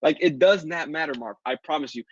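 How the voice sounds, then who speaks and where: A man from the Caribbean with a Latin American Spanish accent, Spanish as his first language, hosting a live webinar Q&A and pitching his course in a fast, upbeat way while answering chat questions. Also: no echo, dull audio.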